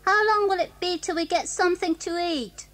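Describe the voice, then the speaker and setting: A small, earnest fox cub in a children's story tape. The voice is extremely high and childlike, with a plaintive edge. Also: female voice, moderate pace, fairly bright tone. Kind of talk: children's audio story dramatisation.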